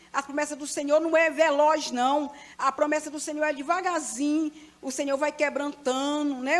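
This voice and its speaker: At a church service, a middle-aged Brazilian woman gives a wandering testimony, constantly turning to the pastor with "né." She sits high in pitch. She then prays spontaneously, fervently and repetitively, calling on "Senhor" and "Pai" again and again.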